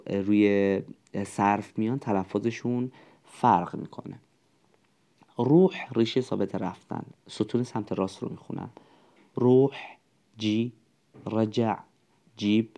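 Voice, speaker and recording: Male language teacher, low mellow voice, patient step-by-step explainer. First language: Persian. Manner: patient, explains step by step, lists words slowly. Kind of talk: spoken language lesson.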